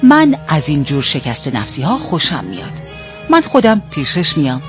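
A man's voice: fairly high pitch, wildly swooping pitch, soft background music. A man voicing a hungry, domineering male lion king who gives orders and threats. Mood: pleased. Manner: commanding and threatening.

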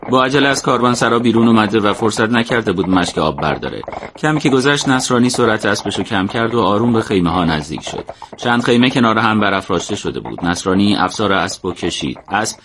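A man narrating a scripted adventure story in a steady, colloquial storytelling manner. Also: on the low side, background noise.

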